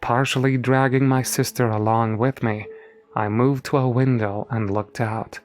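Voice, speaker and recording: A man's voice: medium pitch, steady tone, a little slow. A man narrating a scripted first-person horror story in a dramatic manner. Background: faint music.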